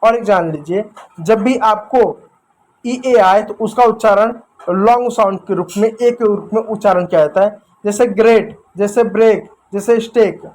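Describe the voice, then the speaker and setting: A man's voice: high-pitched, moderate pace, a little mellow, poor audio. A man explaining English pronunciation in a lesson, repeating each rule and listing example words one at a time. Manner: repetitive, drills examples one by one.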